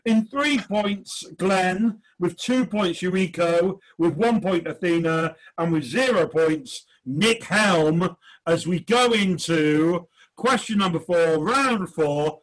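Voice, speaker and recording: A man's voice: high-pitched, slow pace, rough recording. A man hosting a comedy quiz over a video call, jokey and hesitant with many fillers. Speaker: quiz host. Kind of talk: online comedy panel show hosting.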